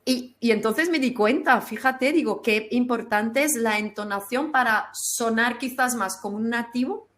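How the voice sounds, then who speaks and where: Belgian-born woman, middle-aged, kinda high voice, chatty interview, lots of ums while she thinks. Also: normal speed, hardly any pauses, a bit bright. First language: not Spanish. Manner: thoughtful, searching for words with many fillers. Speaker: guest. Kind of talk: casual conversational interview.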